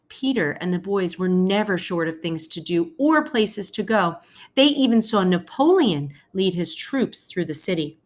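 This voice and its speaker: Reading a picture book aloud, this teacher uses careful phrasing and leaves pauses for the young children listening. Her voice sits in the mid range with a slightly bright quality.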